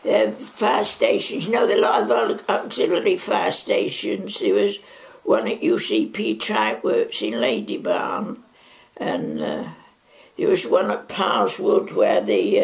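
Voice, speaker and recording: An elderly Mancunian woman in her nineties, recorded at home on a lapel mic as she recounts her past. Her voice is gravelly and swings widely in pitch. She talks in a chatty, wandering way full of side remarks. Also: sing-song, unhurried. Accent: Mancunian English. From Manchester, England. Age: 90s. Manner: chatty, rambling reminiscence with frequent asides. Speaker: interviewee. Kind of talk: oral history recollection. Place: living room at home.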